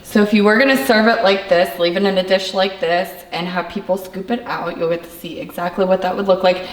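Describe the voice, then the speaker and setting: A woman hosting a home cooking video, chatting casually and laughing at her own slip-ups. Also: mid-range voice. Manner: chatty, self-deprecating, laughs at herself. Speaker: home cooking channel host. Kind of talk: casual cooking demo chat. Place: home kitchen. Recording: echoey room with faint background noise.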